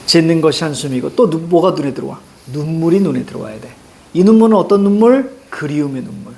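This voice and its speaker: A middle-aged male teacher giving a lecture on classical poetry, chatty and quick to tell stories. His voice sits a bit higher than most men's. A faint hiss of background noise runs under the recording. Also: lively intonation, creaky, mellow. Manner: chatty, tells stories and acts out quotes with a raised voice.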